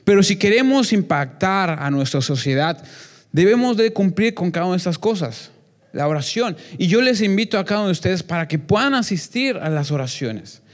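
A man's voice: high voice, animated, fairly quick. A young man preaching a sermon to a congregation, earnest and repetitive, often restarting his phrases. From Mexico. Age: young adult.

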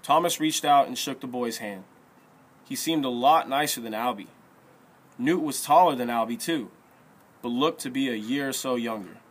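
Male narrator for an audiobook; steady, even storytelling read. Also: mid-range voice, moderate pace.

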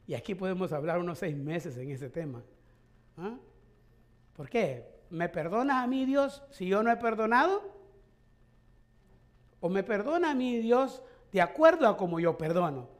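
A man's voice: high-pitched, animated, unhurried, pauses often. A male pastor in middle age preaching a sermon in a conversational way, with rhetorical questions and light chuckles.

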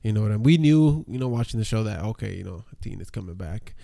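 A man co-hosting a wrestling podcast, halting as he searches for words. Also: on the low side, expressive, creaky, warm tone, dry recording, clean studio sound. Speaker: podcast co-host. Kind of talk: casual wrestling podcast chat.

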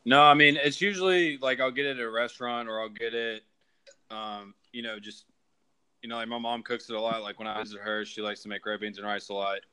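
A man's voice: mid-range voice, steady tone, a little fast, sharp tone, smooth, rough recording. A young man, a guest on a casual sports podcast, talking in a chatty way with lots of "like.".

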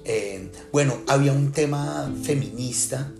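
A man from Colombia with a Colombian accent, a writer and lecturer musing in a casual, thoughtful way with many pauses and restarts. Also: medium pitch. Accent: Colombian Spanish. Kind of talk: casual reflective talk. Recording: music clearly behind.

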